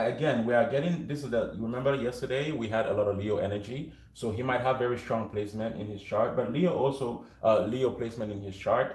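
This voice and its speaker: A man with a deep, low, darkish voice gives a viewer a rambling tarot reading, often breaking off mid-thought and using frequent fillers. He records on a built-in device mic rather than a proper microphone, in an echoey room.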